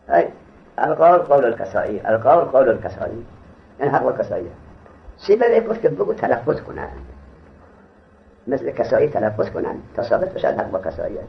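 A man's voice: mid-range voice, creaky, slight background noise. A man teaching Arabic grammar in a classroom lecture. He reads the text aloud, explains it in casual speech and quizzes his students. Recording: dull lo-fi recording.

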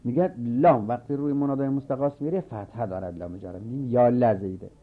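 A man teaching a seminary grammar lesson. He reads a line of the text aloud, then explains it step by step and repeats his examples slowly. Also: mid-range voice. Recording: narrow phone-like sound.

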